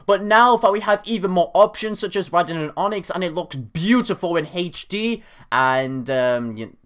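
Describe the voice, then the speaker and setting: A young man giving casual, excited reaction commentary on game news, his voice cracking now and then. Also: sits high, moderate pace, smooth. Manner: excitable, animated, frequent self-corrections. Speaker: gaming YouTuber.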